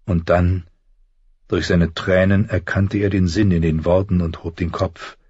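A man reading an audiobook in steady, measured narration. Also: deep voice, slightly rough, no room sound. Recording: dry, dull lo-fi audiobook sound.

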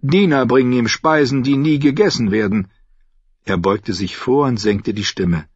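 A man's voice: medium pitch, moderate pace, breathy edge, dry recording, voice pushed up, natural voice. A man voicing a genial, sly older pirate merchant who talks in a coaxing, lilting way in a storybook reading. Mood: confiding. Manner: lilting, coaxing, fond of flattery. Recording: dull dry studio audiobook.

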